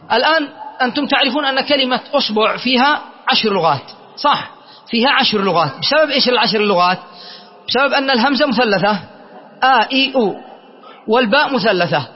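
High-voiced man teaching grammar, lo-fi. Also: husky. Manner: questioning students often; repeats word forms slowly to drill. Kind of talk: classroom grammar lesson. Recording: muffled lo-fi lecture recording.

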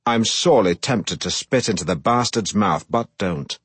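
A middle-aged man, reading a comic first-person story aloud in a deadpan, self-important manner, close to the mic. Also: on the low side, moderate pace, husky, no room sound. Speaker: audiobook narrator.

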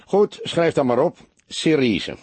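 A man's voice: a little high, big pitch swings, slow pace, darkish tone, husky, dry recording, pitched above the performer's own voice, exaggerated voice. A man voicing a weary middle-aged police detective who speaks tersely and with dry sarcasm, barking out notes. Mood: brisk.

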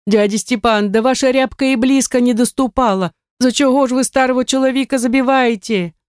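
A man's voice: extremely high pitch, steady tone, a little fast, clear, resonant tone, no room sound, clean studio sound, pitched above the performer's own voice. A woman doing a wailing old man. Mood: pleading. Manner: wailing, pleading. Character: frightened old man pleading for his life.

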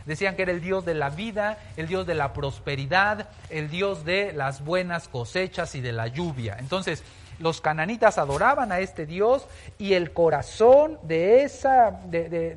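A man leads a Bible teaching in a fairly high voice. He explains things patiently, stopping often with fillers and starting over mid-sentence. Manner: explanatory, many fillers and restarts.

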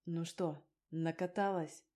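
A woman reading the part of a rough, angry young man who barks out blunt, scornful replies in an audiobook. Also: fairly low pitch, fairly even intonation, slow, mellow. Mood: gruff.

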